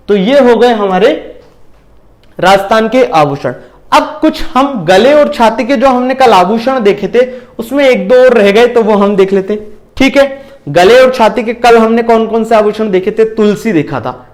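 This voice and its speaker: Brief: high-pitched male tutor, exam-prep lecture, keeps asking and answering his own questions. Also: lively intonation, measured pace. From India. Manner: repeats questions and answers them himself, keeps asking if it is clear. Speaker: teacher.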